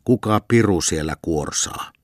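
A man voicing a pompous, hot-tempered village sexton who preaches haltingly and shouts in fury, in a storybook reading. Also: deep voice, no room sound, clean studio sound. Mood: furious. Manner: preachy, halting sermon delivery turning to furious shouting.

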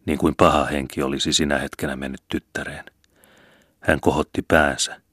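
A man reading a novel aloud as audiobook narrator, measured and steady, on a close mic. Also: very deep voice, husky, no echo. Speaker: audiobook reader. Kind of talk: scripted narration.

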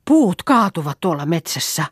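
A woman's voice: lowish voice, very animated, slightly rough, no echo, clean studio sound. Woman reading Vappu, a chatty peasant girl.

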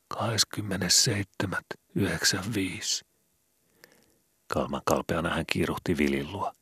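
Low husky guy calmly reading a book aloud, dry close sound. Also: no room sound. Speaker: audiobook reader. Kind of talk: reading a youth novel aloud.

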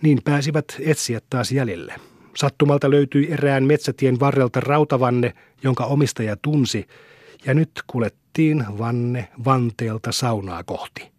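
A man narrating a classic novel in a steady, measured storytelling manner. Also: medium pitch, no room sound, studio quality. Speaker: audiobook reader.

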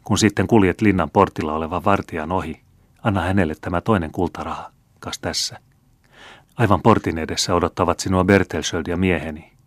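A male narrator voicing a brave younger woman who gives hushed, quick instructions during a rescue. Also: low-pitched, dry recording, close to an everyday voice.

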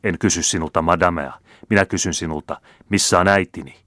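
Man voicing a young nobleman from an old novel, deep, clipped, anger held down. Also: a bit bright, no echo, clean studio sound. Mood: tense. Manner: clipped, tightly controlled. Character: tense young nobleman holding back anger.

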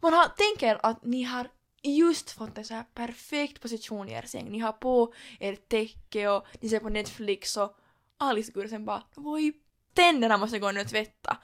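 A young woman, co-hosting a casual chat, blunt and quick to swear. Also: a little high. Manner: blunt, swears freely, mixes in English. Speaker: podcast co-host.

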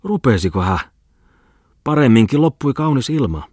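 A man's voice: medium pitch, big pitch swings, a little mellow, dry recording, studio quality, pitched above the performer's own voice. A man voicing a fat, drowsy male bookseller who grumbles from his bed, exclaiming and yawning. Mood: grumbling.

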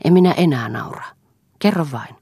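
A woman's voice: low-pitched, lively intonation, warm tone, slightly rough, no echo, studio quality, pitched above the performer's own voice, heavily acted. A woman voicing a good-humored young man who talks in an amused, easygoing way, in a read-aloud story. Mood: teasing.

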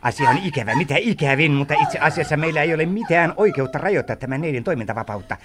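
An actor playing a fussy, placating lawyer in a 1960s radio drama, smoothing things over. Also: male voice, a little high, wildly swooping pitch, heavy background noise. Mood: smooth persuasive. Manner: fussy, placating, stammers when flustered. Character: fussy soothing middle-aged lawyer.

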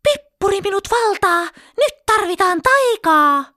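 A tiny, headstrong girl from a children's storybook shrieks her demands in a very high, bouncy voice, as a woman reader plays her. She is quick to tantrums and loud when she wants something. The sound is close and dry. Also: dry recording, full character voice. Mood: cross. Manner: shrill excited shouting. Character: small strong-willed girl, quick to tantrums. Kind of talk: storybook character voice.

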